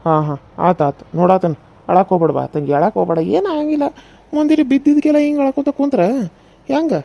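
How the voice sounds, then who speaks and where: A performer voicing a reassuring small-town male doctor with a North Karnataka Kannada accent, who speaks in a calm, matter-of-fact way. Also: high-pitched, quick pace.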